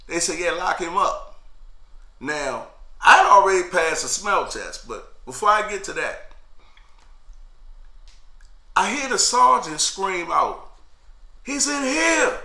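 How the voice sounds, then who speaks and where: A man telling his prison story in a sit-down conversation, profane and animated, acting out the voices of the people in it. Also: a little high, takes it slowly, long pauses. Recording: echoey room.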